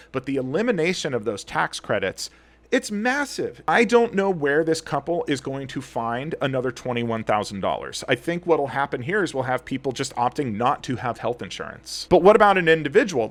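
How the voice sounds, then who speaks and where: A man giving an earnest, animated explainer commentary as an attorney and commentator. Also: mid-range voice. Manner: earnest, animated, gets heated.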